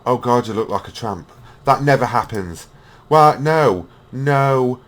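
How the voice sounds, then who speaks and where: A man's voice: medium pitch, lively intonation, measured pace. A man hosting a reaction video, mocking and swearing as he rants. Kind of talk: ranting reaction commentary.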